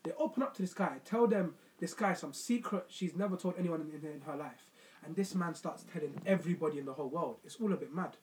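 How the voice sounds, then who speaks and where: A man's voice: on the high side, fast, a little mellow, slight background noise, low-quality recording. A young man with a London street accent, talking casually with friends as a co-host in roadman-style slang. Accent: London multicultural street slang. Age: young adult. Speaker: podcast co-host. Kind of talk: casual banter between friends.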